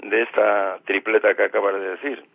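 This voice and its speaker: A man's voice: on the low side, flat delivery, normal speed, vocal fry, dry recording. A man explaining grammar patiently on a radio show, using everyday examples. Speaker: language expert guest. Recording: tinny phone line.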